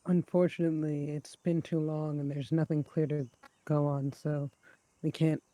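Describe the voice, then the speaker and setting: Male tabletop player, slightly high mellow voice, casual game talk. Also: flat delivery, normal speed, no room sound, poor audio.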